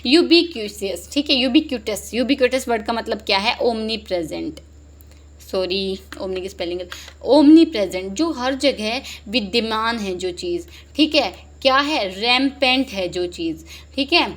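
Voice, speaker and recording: Lively, slightly high-voiced woman teacher. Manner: lively and joking, reads options slowly and explains each. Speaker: English exam teacher. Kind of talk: exam-prep lesson, Hindi mixed with English.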